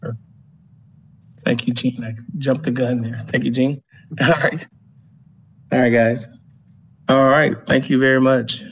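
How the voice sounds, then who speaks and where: Gravelly man chairing a meeting. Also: mid-range voice, little pitch movement, unhurried, long pauses, slight background noise, rough recording. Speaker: commission chair. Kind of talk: running a formal meeting, informal asides.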